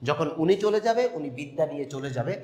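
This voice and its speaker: A man with a somewhat high voice gives an emphatic lesson, asking rhetorical questions and spelling out sounds one by one. His voice rings out with a long, roomy reverb, as if recorded in a large hall. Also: animated, fast, mellow. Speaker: teacher. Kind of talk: instructional talk on pronunciation. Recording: echoey room with long reverb.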